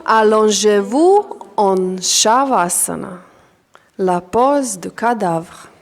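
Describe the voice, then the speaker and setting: Calm and deliberate, a woman instructor leads yoga nidra in French with a non-native accent. Her voice is mid-range, and she speaks in short phrases spaced out by long pauses.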